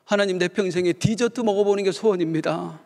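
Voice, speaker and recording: A pastor putting on the voice of a discontented man who whines and pleads, his voice high and rough with gravel. The complaints bounce around a big reverberant church hall. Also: fast, a little mellow. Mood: pleading. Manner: whiny, complaining pleas.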